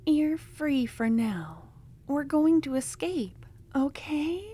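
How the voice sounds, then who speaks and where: In an ASMR roleplay, a woman voices an obsessive, possessive female cultist lover, speaking softly and drifting into whispers, tender yet menacing. Her high-pitched, expressive voice moves at a slow pace.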